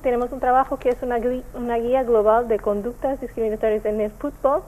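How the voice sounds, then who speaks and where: A woman from Portugal with a Portuguese accent, speaking Spanish as a second language, answering interview questions with many pauses and fillers. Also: on the high side, fairly even intonation, warm tone, poor audio. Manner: hesitant, many fillers and restarts. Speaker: NGO representative.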